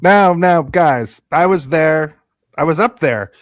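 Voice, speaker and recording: High-pitched excitable male actor played by a man, radio play. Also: slow pace, no echo, clean studio sound. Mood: boastful. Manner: agitated, insistent, repeats himself. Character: excitable washed-up male space-show actor, pleading and boastful. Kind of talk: radio theatre acting.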